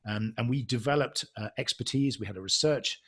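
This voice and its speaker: Husky, halting Englishman reminiscing. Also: mid-range voice, fairly bright tone. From England. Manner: hesitant, halting, with frequent ums and restarts; reflective and self-deprecating. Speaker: podcast guest. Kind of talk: casual conversational interview.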